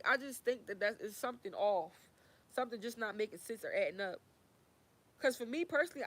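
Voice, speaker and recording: A woman's voice: medium pitch, fairly bright tone. A young woman ranting heatedly to her camera, swearing, preaching and repeating herself. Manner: fiery, swearing, repetitive, preachy. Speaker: vlogger.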